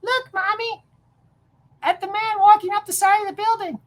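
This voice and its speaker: Woman doing a squeaky little kid. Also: steady tone, moderate pace. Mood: excited. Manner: high childish voice. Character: small excited child.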